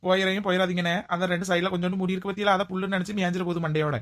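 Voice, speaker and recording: A woman voicing a bold village woman who talks in a sharp-tongued, joking way. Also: on the low side, little pitch movement, racing, close to an everyday voice. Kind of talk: village comedy skit acting.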